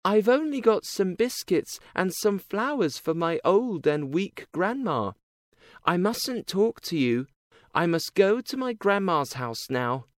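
A man voicing a polite, timid little girl in a storybook reading, with a raised, gentle voice. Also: a little high, wildly swooping pitch, takes it slowly, dry recording, clean studio sound, pitched above the performer's own voice, heavily acted.

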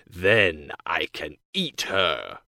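A man voicing a sly, hungry male wolf in a storybook reading, speaking slowly and low. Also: sing-song, vocal fry, pushed and bright, dry recording, clean studio sound, full character voice. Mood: sly, menacing. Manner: slow, low, drawn-out scheming voice.

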